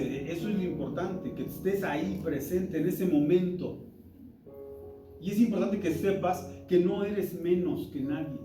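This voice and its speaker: Roomy, higher-voiced man teaching scripture. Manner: conversational and emphatic, quizzing the congregation. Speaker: Bible class teacher. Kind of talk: interactive church Bible lesson. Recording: roomy hall, distant mic, music behind.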